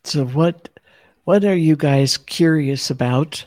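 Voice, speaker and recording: A woman reflecting warmly and slowly on her years of study in a heartfelt podcast conversation. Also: low-pitched, dry recording, studio quality. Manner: slow, heartfelt, repeating phrases. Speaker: teacher sharing her experience.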